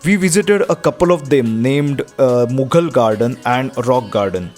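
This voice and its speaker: A man's voice: medium pitch, normal speed, darkish tone. A man with an Indian accent narrating a travel vlog from a script. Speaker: travel vlogger. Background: music.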